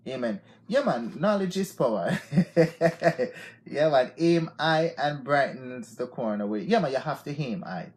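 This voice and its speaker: A Jamaican man in his forties hosts an unscripted live stream, and he talks about self-improvement in a loose, repetitive way. His voice sits at a medium pitch for a man, and he keeps coming back to easygoing affirmations between points. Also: expressive, unhurried, a little mellow. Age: 40s. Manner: loose and repetitive, peppered with "yeah, man" and laughs. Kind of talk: unscripted motivational talk.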